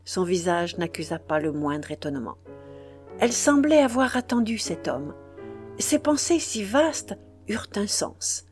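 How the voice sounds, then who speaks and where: A woman narrating a classic novel as an audiobook, in a measured, unhurried storytelling manner. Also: fairly low pitch, darkish tone.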